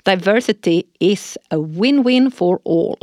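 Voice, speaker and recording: A woman's voice: mid-range voice, expressive, a little slow, darkish tone, no echo, studio quality. A woman hosting a corporate podcast who reads prepared lines and agrees with her co-host. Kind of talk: scripted corporate podcast dialogue.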